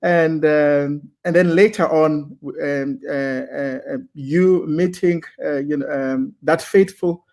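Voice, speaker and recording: A man hosting an interview, speaking haltingly with frequent stammers and fillers. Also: a little high, steady tone, darkish tone. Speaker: host. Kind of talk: interview conversation.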